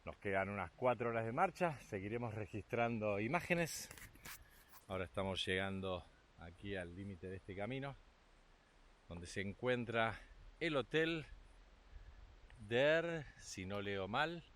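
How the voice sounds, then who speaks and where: An Argentine man with a lowish, expressive, fairly bright voice speaks at a measured pace with long pauses. He's a vlogger and father narrating a family walk on a rural trail in a chatty, upbeat way, in Argentine Spanish, while cheering on his young son.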